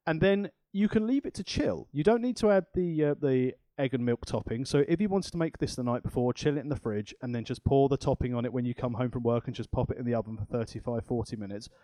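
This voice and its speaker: A man's voice: mid-range voice, quick pace, few pauses, mellow, dry recording. A man co-hosting a cooking podcast in a chatty, rambling way with self-deprecating asides. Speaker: podcast co-host. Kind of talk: casual chat.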